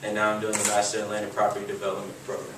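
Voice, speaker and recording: A man's voice: on the low side, completely flat delivery, racing. A young man from Texas opening a student team presentation in an earnest tone with occasional uh fillers. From Houston, Texas. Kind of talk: class project presentation. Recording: distant mic in an echoey room with background noise.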